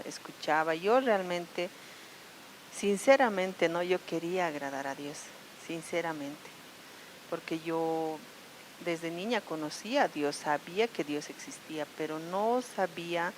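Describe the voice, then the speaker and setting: A woman with a La Paz Bolivian accent shares her personal testimony, earnest and halting, often restarting and tagging her sentences with questions. Her voice sits fairly low. A faint hiss runs under it. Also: low-quality recording. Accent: Bolivian Spanish, La Paz. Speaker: church member giving testimony. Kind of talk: personal testimony at a prayer service.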